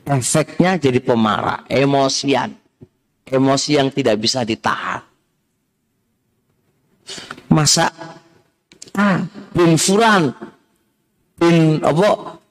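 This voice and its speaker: A man's voice: medium pitch, expressive, slow, long pauses. A middle-aged man with an East Javanese accent giving a religious study lecture, mixing in Javanese phrases and addressing listeners directly. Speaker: Islamic religious teacher.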